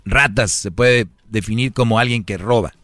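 Faint music plays behind a dry recording of a man hosting a relationship-advice talk show for men. He has a Mexican accent, a lowish, fairly bright voice, and a moderate pace, and he talks in a brash, mocking, slang-heavy manner.

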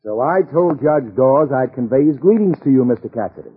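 An actor playing a genteel, melancholy city lawyer with formal, polite, stilted speech in a 1950s radio western. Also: male voice, medium pitch, animated, brisk, slightly rough. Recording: thin lo-fi 1950s radio transcription.

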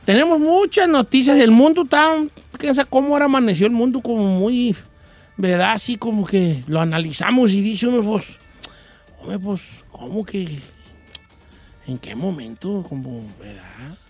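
A man's voice: high voice, lively intonation, normal speed, faint music behind. A man voicing a chatty old Mexican grandfather who hosts a comic news show, rambling and folksy with a Mexican accent. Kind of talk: comedy radio banter.

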